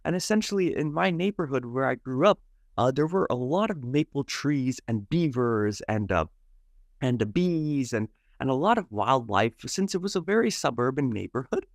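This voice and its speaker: Born in Mumbai, India, and now from Toronto, Canada, an environmental scientist shares personal stories as an interview guest in a polite, earnest, wordy way with hesitant repeats. His medium-pitched voice is animated, with vocal fry, at a normal speed in a clean, echo-free studio.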